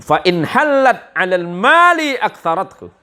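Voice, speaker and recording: A man's voice: high-pitched, sing-song, measured pace, bright, forceful tone. A man from Indonesia, preaching a humorous sermon to a village gathering, telling jokes and acting out the voices in his stories. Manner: joking storyteller, acts out dialogue voices.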